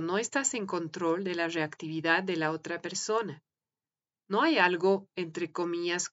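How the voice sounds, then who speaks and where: A woman reads a written piece aloud in a calm, measured way. Her voice sits a little low and stays gentle and unhurried. The recording sounds dull and lo-fi. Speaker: reader of translated articles. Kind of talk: calm scripted reading.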